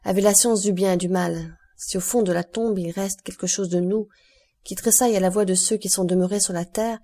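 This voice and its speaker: A woman's voice: mid-range voice, steady tone, a little fast, mellow, lightly acted. A woman reading as a grave, earnest nobleman. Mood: fervent. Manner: solemn, earnest. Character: grave, generous male nobleman, former sailor. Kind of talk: audiobook character voice.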